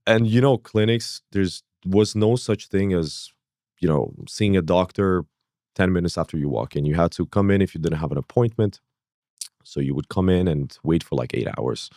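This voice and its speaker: Speaking at normal speed in a low, warm voice, this man in his thirties, originally from Kazakhstan, is a guest on a podcast. In the casual, echo-free studio interview he rambles, fills gaps with fillers, and voices his own earlier thoughts.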